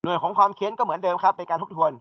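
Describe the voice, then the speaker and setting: Man, engineering lecturer, fairly high voice, muffled dry sound. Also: steady tone, very fast, dry recording. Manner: explains step by step, asks students questions. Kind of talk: classroom lecture. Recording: dull dry lecture recording.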